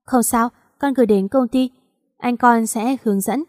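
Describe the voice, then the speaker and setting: A woman narrator voicing an aging, kindly father who calmly encourages his daughter. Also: fairly high pitch, measured pace, dry recording, clean studio sound, natural voice.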